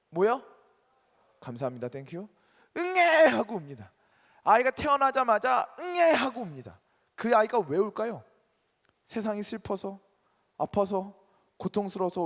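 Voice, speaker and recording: A man preaching to a college group, emphatic and questioning his congregation, his delivery swinging between loud and soft. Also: high voice. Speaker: pastor. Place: church sanctuary. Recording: reverberant church hall.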